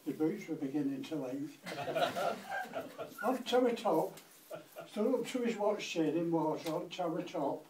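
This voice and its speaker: An elderly man in his 80s, a grandfather with a Lancashire accent, recites comic verse in a dry, rhythmic style, unhurried and with long pauses. His slightly high, darkish voice has lively intonation, recorded on a distant mic in an echoey room with faint noise.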